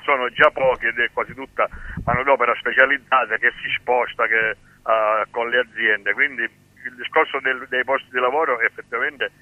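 A man, a guest activist speaking over the phone on a radio show, explaining his points with frequent pauses and restarts. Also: mid-range voice, steady tone, no room sound. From Sicily. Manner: hesitant, many fillers and restarts, explanatory. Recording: tinny phone line.

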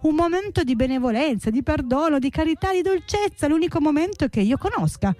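A woman voicing an earnest, warm young man who pleads heartfelt, lifting her pitch. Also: expressive, normal speed, no room sound, lightly acted. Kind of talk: storybook read-aloud.

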